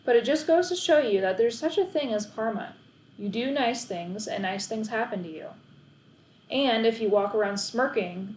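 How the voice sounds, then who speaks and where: Woman reading a storybook aloud. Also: medium pitch. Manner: expressive storytelling. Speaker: reader of a children's book. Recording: roomy, faint hiss.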